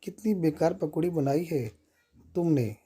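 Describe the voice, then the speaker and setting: A man's voice: a little high, measured pace, dark tone, breathy edge. A man voicing a grumpy, nagging old mother-in-law who scolds and complains in a story reading. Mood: scolding.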